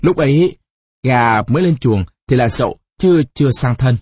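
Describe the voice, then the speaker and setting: A narrator voicing a stern older village scholar who talks gruffly and scolds. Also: medium pitch, expressive, normal speed, darkish tone, dry recording, highs cut off. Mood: weary.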